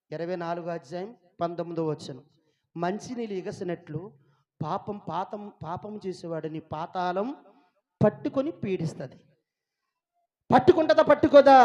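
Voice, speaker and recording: A male pastor preaching a fiery sermon, dropping to a hush and then shouting, and calling on his listeners to clap loudly. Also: high voice. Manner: calls on the crowd to clap loudly, asks questions.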